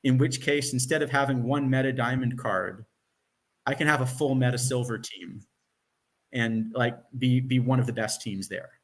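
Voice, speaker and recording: A man's voice: medium pitch, normal speed. A man giving casual analytical commentary on a card game, explaining his reasoning point by point.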